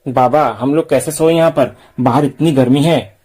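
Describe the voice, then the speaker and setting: A man's voice: medium pitch, moderate pace, darkish tone, breathy edge, natural voice. A man reading a lazy stubborn young man.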